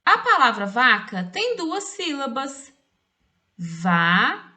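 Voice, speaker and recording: A woman teacher, giving a slow phonics dictation and spelling each word out syllable by syllable. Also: sits high, sing-song, sharp tone. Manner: clearly spells out words syllable by syllable. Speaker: literacy teacher.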